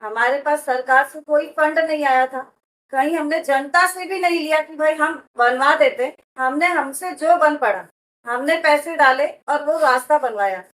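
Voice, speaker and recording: High-voiced earnest woman candidate. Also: measured pace, a bit bright, poor audio. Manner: earnest, promising, addresses interviewer as sir. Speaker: election candidate. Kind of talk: interview answers.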